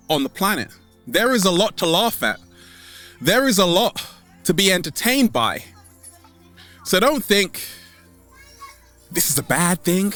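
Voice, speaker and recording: Outdoors in nature, a man hosts a motivational vlog to camera, upbeat and exuberant, stretching out his words and playfully repeating catchphrases in a theatrical way. His voice is fairly high and a bit bright.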